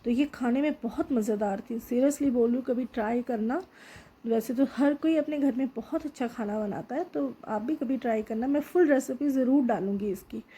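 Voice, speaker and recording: A middle-aged woman chatting homely and unhurried while narrating her home cooking vlog in a kitchen. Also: fairly high pitch, warm tone, slightly rough. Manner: chatty, homely, with filler pauses. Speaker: home cooking channel host.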